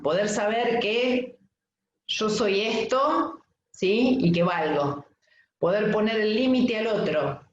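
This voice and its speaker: A middle-aged woman coach with an Argentine accent, teaching a webinar in a lively, anecdotal way and often asking "¿sí?" to check in with her listeners. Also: medium pitch, a little hiss or hum. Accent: Argentine Spanish. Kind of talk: webinar lesson. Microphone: video call mic. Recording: echoey room, dull lo-fi sound.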